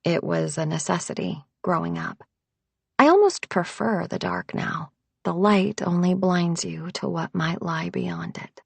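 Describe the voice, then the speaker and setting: A woman narrating an audiobook in first person, reading at a measured, even pace. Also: lowish voice, vocal fry, breathy edge, dry recording.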